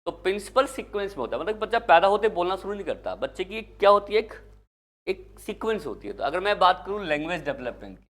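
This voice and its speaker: A man's voice: sits high, very animated, quick pace, a bit bright. A man from India teaching an exam-prep class. He keeps asking the students questions, answers them himself, and mixes English terms into his Hindi.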